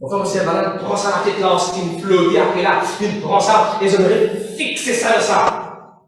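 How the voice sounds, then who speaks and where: A man's voice: high voice, steady tone, moderate pace. A male pastor preaching a sermon, repeating phrases and slipping in English lines. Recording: echoey hall, distant mic, faint noise.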